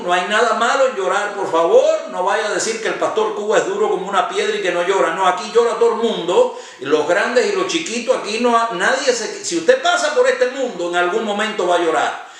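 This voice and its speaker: High-voiced preaching man in echoey room. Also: fairly bright tone. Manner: emphatic preaching, drawn-out stressed words. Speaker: pastor. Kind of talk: sermon. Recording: very echoey, from far off.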